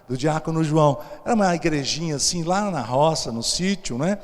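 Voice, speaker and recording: A Brazilian man preaches from the pulpit with a fairly high voice. He tells his story as if chatting and keeps asking the congregation questions, and a long reverb from the church hall trails each phrase. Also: expressive, a little fast. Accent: Brazilian Portuguese. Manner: conversational, asks the audience questions often. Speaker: pastor. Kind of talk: storytelling sermon. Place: church service.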